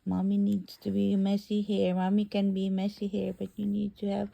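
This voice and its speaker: A woman's voice: medium pitch, completely flat delivery, moderate pace, gravelly, dark tone. A woman voicing her newborn baby girl in sweet, cooing baby talk.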